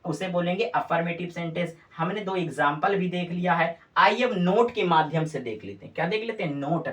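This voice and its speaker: Woman teacher, lowish voice, quizzes and repeats, recorded a bit off-mic. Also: fairly quick, distant mic. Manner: asks questions and answers them herself, repeating key words; scolds the students with mock impatience. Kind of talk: classroom-style grammar lesson.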